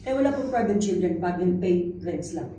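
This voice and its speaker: A woman from the Philippines preaches in a casual, lively way, laughing often and slipping into the voices of people she quotes. She is heard from a distance in a very echoey church hall. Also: lowish voice, normal speed, a little hiss or hum. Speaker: preacher, pastor's wife. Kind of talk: conversational sermon mixing English.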